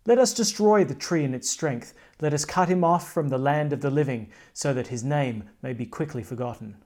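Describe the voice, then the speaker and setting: A man's voice: mid-range voice, normal speed, darkish tone. A man speaking as a priest at Mass, in a solemn, declamatory style of scripture reading and preaching. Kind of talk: liturgical scripture reading and homily.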